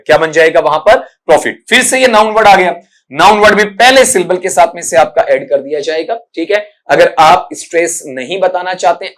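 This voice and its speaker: A man from India teaching an exam prep English lesson. He repeats words slowly and calls his students "beta". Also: a little high.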